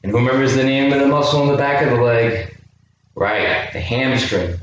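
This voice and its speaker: A man's voice: mid-range voice, moderate pace, dull audio. A man leading a home workout class for kids, counting reps aloud and asking encouraging questions. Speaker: youth fitness coach. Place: indoor room with a chair. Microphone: camera microphone from a distance. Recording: very echoey room, distant mic, faint noise.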